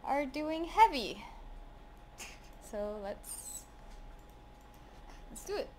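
A woman's voice: high-pitched, very animated, very slow, dark tone, slight background noise. A woman in casual gaming chat, co-hosting with her child and asking simple, curious questions. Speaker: co-host playing alongside her child.

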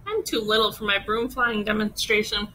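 A woman's voice: medium pitch, steady tone, moderate pace, bright, forceful tone, slight background noise, lightly acted, low-quality recording. A woman voicing a cheerful little girl witch in a storybook read-aloud, chirpy and friendly.

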